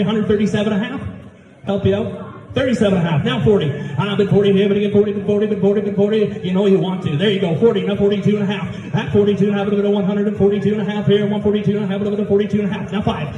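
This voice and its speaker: A man working as auctioneer, calling bids in a rapid rhythmic chant full of repeated numbers. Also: sits high, reverberant, in a large hall, dull audio, noisy background. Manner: rhythmic repetitive bid calling. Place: auction hall.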